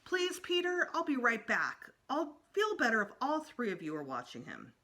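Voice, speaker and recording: A woman's voice: on the high side, sing-song, moderate pace, sharp tone, pitched above the performer's own voice. A woman voicing a doting, anxious mother in a storybook, coaxing and fussing.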